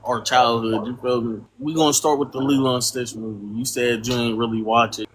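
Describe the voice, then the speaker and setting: A man's voice: mid-range voice, steady tone, brisk, a bit bright, slight background noise, poor audio. Man, podcast co-host, casual chat, rambling, slangy, lots of fillers. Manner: rambling slangy talk, frequent fillers and tag questions.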